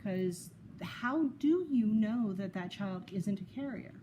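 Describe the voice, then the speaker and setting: A woman co-hosting a podcast who talks in a measured way, raising questions and sharing an article. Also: medium pitch, lively intonation, warm tone, slight background noise, rough recording. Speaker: podcast co-host. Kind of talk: casual discussion, sharing articles.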